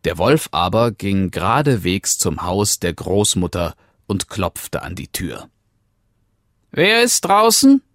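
A low-voiced man reads a classic fairy tale aloud, slow and unhurried, with lots of rise and fall in his delivery. Recorded close and bone-dry. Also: dry recording. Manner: expressive, animated reading. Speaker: narrator. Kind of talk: storybook reading.

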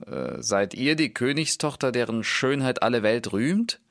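A man's voice: mid-range voice, expressive, a little slow, a bit bright, dry recording, clean studio sound, voice pushed up. A man voicing a brave young man from a fairy tale, speaking up eagerly and urgently.

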